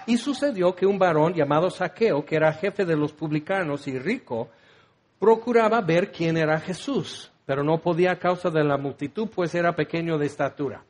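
A man's voice: a little high, moderate pace. A man preaching a sermon, rambling and joking as he acts out the scene with voices. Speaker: pastor.

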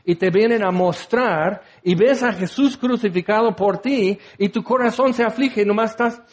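A man's voice: high voice, moderate pace. A man preaching a sermon with passion, putting direct questions to his listeners and acting out the words of biblical figures.

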